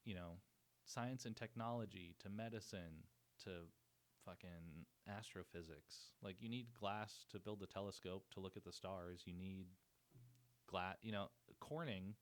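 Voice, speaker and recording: Man from Montana, deep voice, podcast guest, rambling, enthusiastic, casual swearing. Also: steady tone, a little slow. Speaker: podcast guest, glass artist. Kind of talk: casual chat.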